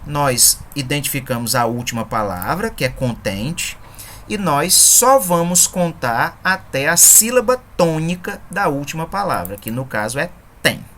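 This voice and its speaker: Low-pitched female teacher, patient and methodical, faint noise in the background. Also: lively intonation, a bit bright. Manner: patient, methodical, counts syllables aloud slowly. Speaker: poetry teacher. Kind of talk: online lesson explaining scansion.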